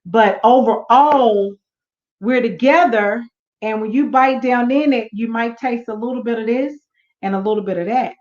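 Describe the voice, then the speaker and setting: A woman on a church panel, talking in a thoughtful, unhurried way with many fillers and restarts. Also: on the high side, roomy sound, muffled recording. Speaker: panel guest. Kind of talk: casual church panel talk. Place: church event room.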